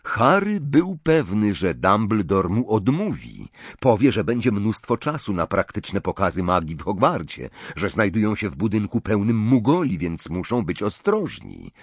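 A man narrates an audiobook with a low, husky voice and a lively, rising and falling delivery. The recording is dry and close, with expressive storytelling. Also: normal speed, few pauses, no room sound. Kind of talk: audiobook reading.

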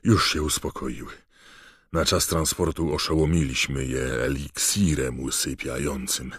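Brisk young male dragon keeper, practical, audiobook, man voicing, very low voice. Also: steady tone, slightly rough, no room sound, clean studio sound, full character voice. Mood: explaining.

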